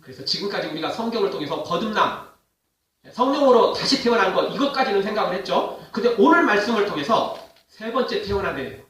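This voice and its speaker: A man's voice: high-pitched, fast, heavy reverb, recorded from a distance. A male pastor preaching a sermon, full of questions put to the congregation. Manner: animated preaching with rhetorical questions. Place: church sanctuary.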